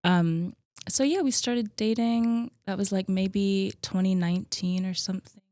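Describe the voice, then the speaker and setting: A woman's voice: mid-range voice, measured pace, no room sound. Chatty woman in her thirties. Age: 30s. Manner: chatty, relaxed, many likes and ums. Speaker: podcast guest, gym co-owner. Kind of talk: casual conversational interview.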